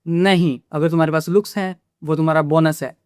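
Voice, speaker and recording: A man's voice: fairly high pitch, fairly even intonation, fairly quick, a little mellow, clear, resonant tone, no room sound, studio quality. A man who makes communication-skills videos, lecturing the viewer directly and casually, dropping English phrases into his talk. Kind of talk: casual instructional talk to camera.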